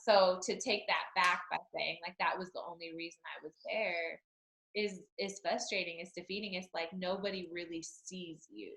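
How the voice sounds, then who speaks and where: An author from Utah, United States, speaks in a lowish, fairly bright voice with fairly even intonation and a moderate pace. As an interview guest she is candid and reflective, often saying "you know." The room is echoey and the audio is poor.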